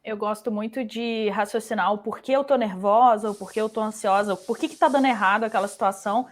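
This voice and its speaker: A woman's voice: mid-range voice, fast talker. A young woman on a career panel, reflective, thinking aloud with small restarts. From Brazil. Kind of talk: casual panel talk giving career advice.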